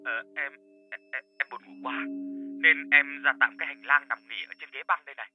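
A man playing a soft-spoken anxious wife. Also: medium pitch, fast talker, husky, muffled recording, faint music behind, close to an everyday voice. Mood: sleepy. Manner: soft, drowsy, then sobbing. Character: worried middle-aged wife at a hospital.

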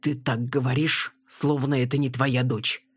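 Woman reading an older joking father, slow and amused, low husky voice, dry audiobook sound. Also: little pitch movement, no room sound, full character voice. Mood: wry.

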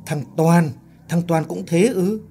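A man's voice: on the high side, slow, gravelly, mellow, slight background noise, voice pushed up. A man voicing a frightened, confused young male worker who stammers and cries out in panic.

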